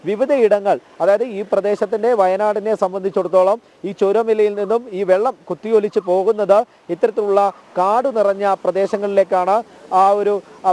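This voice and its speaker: A man reporting live from the field for a TV news channel, his voice pitched high for a man but mellow and soft in tone. He talks in halting phrases, often pausing on long filler sounds before going on, and sounds like a reporter explaining the scene without a script. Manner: hesitant, many drawn-out filler sounds.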